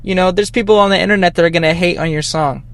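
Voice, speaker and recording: A man's voice: high voice, steady tone, very fast, a bit bright. A man from Boston, a musician guest on a casual podcast, talking earnestly and rambling, his voice cracking now and then, recorded outdoors on a shirt lapel mic. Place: outdoors at dusk.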